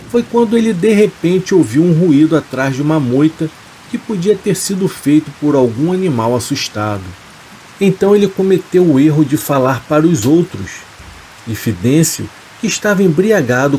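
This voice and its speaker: A man, calmly reading a scripted horror story in a steady, measured way. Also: fairly high pitch, a little hiss or hum, low-quality recording. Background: rain.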